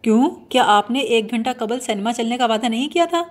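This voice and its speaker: Woman reading a sharp-tongued sulky younger sister. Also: a little high, expressive.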